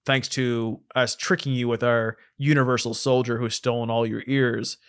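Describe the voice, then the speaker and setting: A man co-hosts a podcast, trading casual, comedic film-review chat in a medium-pitched voice with a clean tone. His intonation stays fairly flat and his pace moderate as he explains things through repetition, dropping the odd swear word.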